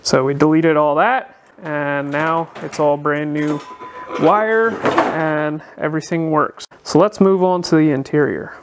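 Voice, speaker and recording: Man giving a relaxed garage walkthrough. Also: on the high side, unhurried, background noise. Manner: relaxed, explanatory, with frequent "uh" fillers. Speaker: car builder and channel host. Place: indoor auto workshop.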